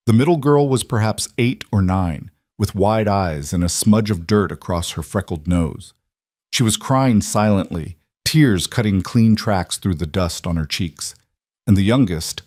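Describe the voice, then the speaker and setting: A man narrating a frontier story in a measured, somber scripted delivery. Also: lowish voice, a little mellow, no echo, clean studio sound.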